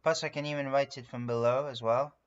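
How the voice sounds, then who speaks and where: Speaking slightly quickly in a steady, medium-pitched voice, this man from France narrates his drawing on a livestream in casual, rambling French full of fillers. The tone is clear and resonant, though the recording itself is lo-fi.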